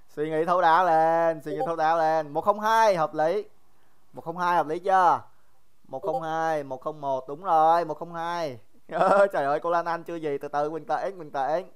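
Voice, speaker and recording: A man's voice: fairly high pitch, smooth. A young man teaching a casual livestream math review, chatty and joking, teasing his students by name and often repeating himself.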